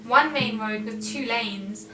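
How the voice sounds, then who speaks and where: Chatty high-voiced South African woman. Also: takes it slowly, roomy sound, far from the mic, background noise. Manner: chatty, storytelling with lots of fillers. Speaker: vlog co-host. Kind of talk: casual chat.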